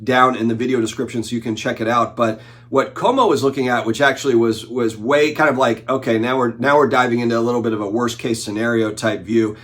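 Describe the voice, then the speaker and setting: The speaker is a forties-aged collectibles channel host who has the flu and sounds a bit nasal. Talking fast in a steady, medium-pitched, slightly bright voice, he gives rambling, conversational talking-head commentary with frequent fillers and restarts.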